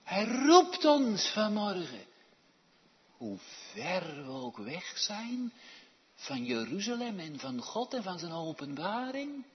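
Dramatic preacher in an echoing church. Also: male voice, sits high, huge pitch swings, slow. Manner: dramatic preaching, swings from hushed to loud calls. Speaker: pastor. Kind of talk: sermon. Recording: dull echoey church hall.

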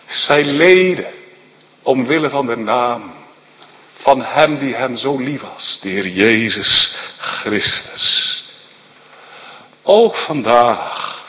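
A man's voice: mid-range voice, a bit bright, long reverb tail. A man pastor giving an earnest, emphatic sermon.

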